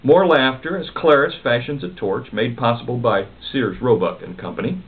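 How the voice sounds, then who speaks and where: A man reading a comic story aloud in a wry, animated storytelling manner. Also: medium pitch, normal speed. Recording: narrow phone-like sound.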